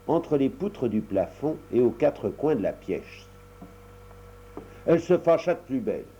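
A man reading a children's story aloud in an animated way, with sound words. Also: medium pitch, slight background noise. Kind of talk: expressive storybook narration. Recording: dull lo-fi recording.

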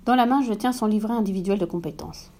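A woman narrating a children's story in a gentle, steady manner. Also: medium pitch, fast talker. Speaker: reader.

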